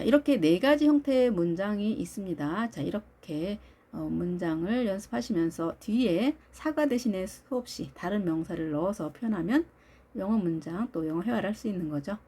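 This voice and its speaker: A middle-aged woman teaching English vocabulary and pronunciation in a video lesson, patiently drilling phrases slowly and often starting with "자". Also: medium pitch, mellow, breathy edge.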